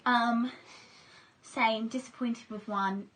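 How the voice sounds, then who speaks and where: A woman's voice: on the high side, fairly even intonation, takes it slowly, a bit bright. Chatty young woman, casual talk. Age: young adult. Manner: chatty, rambling. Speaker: student.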